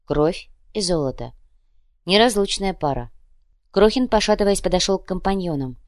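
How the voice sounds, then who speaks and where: A woman reading a tense audiobook in a measured way. Her voice sits low, and the recording is dry, with no room sound. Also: animated, darkish tone, no room sound. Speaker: audiobook narrator. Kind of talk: dramatic audiobook narration.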